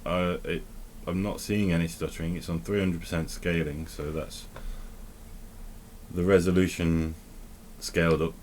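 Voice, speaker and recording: A man's voice: low voice, level tone, a little slow, darkish tone, slight background noise. A man giving casual, rambling commentary while playing a game, often correcting himself and thinking aloud. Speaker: tech vlogger.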